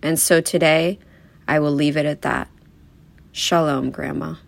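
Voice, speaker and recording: A young woman giving a eulogy for her grandmother, telling stories with wry, gentle humor. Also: low-pitched, level tone, a little slow, vocal fry, heavy background noise. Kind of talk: eulogy speech.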